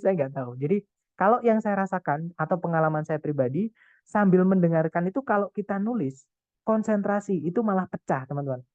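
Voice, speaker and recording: A relaxed tutor coaching students through test tips in a chatty, encouraging way, full of fillers and stray English phrases. The sound is thin and phone-like, and the audio is dry and close. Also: medium pitch, no echo. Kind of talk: online class lecture.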